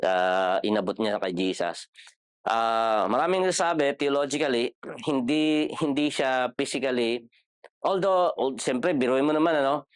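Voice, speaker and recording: Filipino man, bible class teacher, smooth clear voice, dry close sound, chatty, asks questions. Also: mid-range voice, unhurried, no echo. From Philippines. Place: church classroom.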